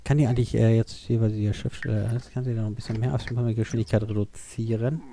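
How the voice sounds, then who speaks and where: A man's voice: on the low side, fairly even intonation, fast talker, gravelly, warm tone, slight background noise. A man giving casual, rambling commentary while playing a life-simulation game, thinking aloud with many fillers. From Germany. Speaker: let's play gamer.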